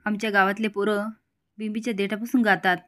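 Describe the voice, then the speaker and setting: A scheming village father barges in, loud and blunt, with a swaggering rustic way of talking, as a woman puts him on. His voice sits at a middling pitch and never softens. It is a storyteller's one-person retelling. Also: flat delivery, brisk, close to an everyday voice. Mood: brash.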